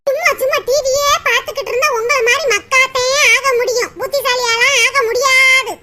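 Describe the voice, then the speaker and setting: A woman's voice: extremely high pitch, fairly even intonation, fairly quick. A woman voicing a strict, quarrelsome young mother with a rural southern Tamil accent in a cartoon. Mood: arguing. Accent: southern Tamil Nadu rural. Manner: complaining, loud, argumentative. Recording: loud background noise.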